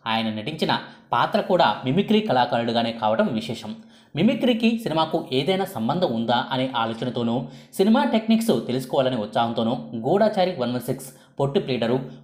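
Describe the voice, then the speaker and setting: A man giving scripted documentary narration in a lively storytelling delivery. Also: mid-range voice. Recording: echoey room.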